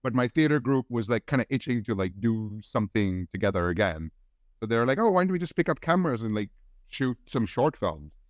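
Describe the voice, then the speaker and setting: A man in his forties from India, a guest on a podcast, telling his story in a relaxed, rambling way with many restarts. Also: mid-range voice, brisk, no room sound, clean studio sound. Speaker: guest film editor. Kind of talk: casual podcast interview.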